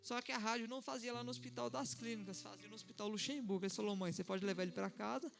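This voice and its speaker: High-voiced young man testifying. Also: fast, vocal fry, a bit bright. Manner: emotional storytelling, acting out dialogue. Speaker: missionary giving a testimony. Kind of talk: church testimony. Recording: music playing underneath.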